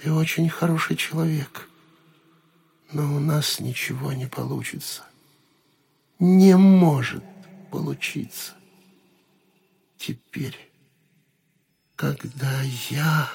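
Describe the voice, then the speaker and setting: Needs a breathy, high, hushed whisper for a sorrowful young woman's ghost, put on by a male narrator. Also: takes it slowly, pauses often, full character voice. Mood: mournful whisper. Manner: soft, pleading, fading.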